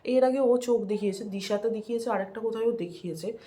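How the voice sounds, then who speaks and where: A woman's voice: fairly high pitch, quick pace, warm tone. A woman vlogger chatting casually to her viewers, mixing English words into her Bengali. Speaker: family vlogger. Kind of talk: casual vlog chat to viewers.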